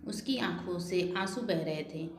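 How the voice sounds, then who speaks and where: A woman narrating a family story in a steady, measured, scripted way. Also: lowish voice, reverberant.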